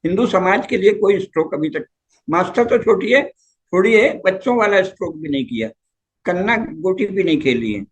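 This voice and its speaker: A man's voice: high-pitched, animated, a little fast, low-quality recording. Emphatic older man lecturing. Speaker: guest scholar. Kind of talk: discussion.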